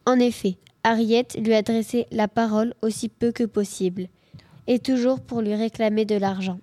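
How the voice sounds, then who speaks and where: A woman narrating a children's story in an even, measured way. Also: fairly high pitch, no room sound. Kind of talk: scripted audiobook narration.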